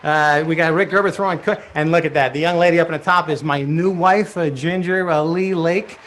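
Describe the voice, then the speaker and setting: A man's voice: on the high side, fairly even intonation, brisk, fairly bright tone. A man hosting as a magician in playful kids-party style, delivering comic double-act stage patter.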